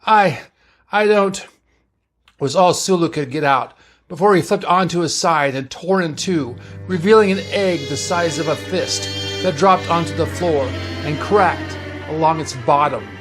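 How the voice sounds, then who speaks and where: A man reading fan fiction aloud as narrator, in a steady, plain storytelling way. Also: a little high, normal speed, soft background music.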